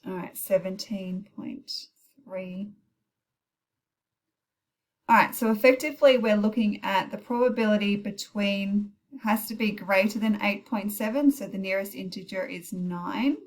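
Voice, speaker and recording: A woman's voice: medium pitch, measured pace. A woman teaching maths in an informal recorded tutorial, thinking aloud through calculator steps and correcting herself as she goes. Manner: thinks aloud with self-corrections and brief apologies. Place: recorded while heavy rain pours outside.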